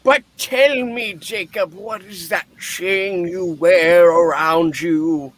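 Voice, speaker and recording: Old miser for radio play, male reader: grumpy, spooked, blustering, very slow and drawn-out. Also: sits high, fairly bright tone. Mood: nervous. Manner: stammering, blustering, exclaiming. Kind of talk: live play reading, hammy radio-play acting.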